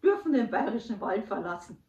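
A woman's voice: medium pitch, big pitch swings, fairly quick. A woman from Upper Bavaria with a Bavarian accent, a joking, giggly co-host in a casual chat. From Upper Bavaria, near Munich. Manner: joking, giggly, trails off quietly. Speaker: co-host, guest. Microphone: phone or camera, no own mic, off-mic. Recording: distant, roomy, dull sound.

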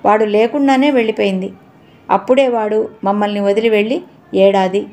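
A woman's voice: medium pitch, fairly even intonation, moderate pace, darkish tone, close to an everyday voice. A woman reading as a heartbroken grieving mother. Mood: grief-stricken. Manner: tearful, pleading.

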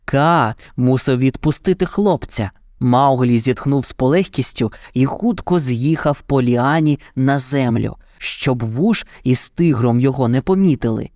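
Guy reading a kids' story aloud, steady and dramatic, dry close mic. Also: medium pitch, measured pace, dry recording. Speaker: narrator. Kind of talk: storybook narration.

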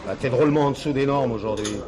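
A man's voice: medium pitch, fast, close to an everyday voice. An actor playing a friendly, earnest factory union man chatting with a workmate, in 1970s TV drama style. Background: bar crowd chatter.

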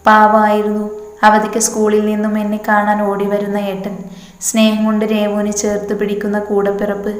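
A soft-spoken, caring older sister-in-law from a storybook, read by a woman. She talks in a very flat, level tone, earnest and confiding. The voice rings with a long, roomy reverb. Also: mid-range voice, fairly quick, close to an everyday voice. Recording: echoey room with long reverb.

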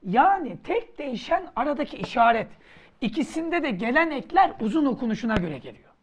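Woman teacher doing exam grammar, high voice swinging around, mock scolding, bursts of shouting. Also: big pitch swings, a little fast. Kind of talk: exam-prep grammar lesson.

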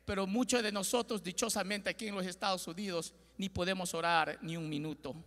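Preaching a Spanish sermon with call-and-response, a middle-aged Ecuadorian pastor gestures and paces a large church stage with a handheld mic. His voice is high and a bit bright, fairly quick, with fairly even intonation. Long hall reverb is audible throughout.

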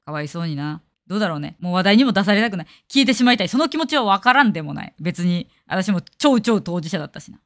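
Kansai woman streamer, blunt and scornful, talks fast, voice jumps all over. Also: fairly low pitch. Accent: Kansai Japanese. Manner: blunt, scornful, animated rants. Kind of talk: casual stream chat.

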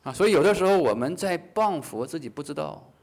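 A man teaching a Buddhist class in a lively way, acting out short dialogues, chuckling, and slowing down on key phrases. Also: fairly high pitch, creaky. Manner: slows down to stress key phrases. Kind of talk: dharma lecture.

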